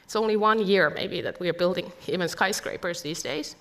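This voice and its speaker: A middle-aged Finnish woman with a Finnish accent gives an earnest talk at a conference, peppering it with rhetorical questions. Her voice is fairly low and a little bright, and she speaks fairly quickly.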